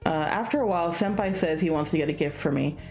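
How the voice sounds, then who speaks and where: Speaking quickly in a deep voice, a woman streams a visual novel, reading its narration expressively and dropping in casual asides. She's animated and acts out the dialogue, with music playing behind her.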